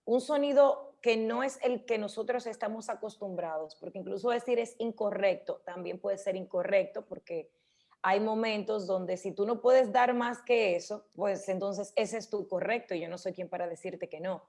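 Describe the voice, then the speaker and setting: A woman hosts a casual radio talk. She explains speech habits, often pausing to say difficult words slowly and clearly. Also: medium pitch, darkish tone. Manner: explanatory, slows down to demonstrate words. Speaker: radio host.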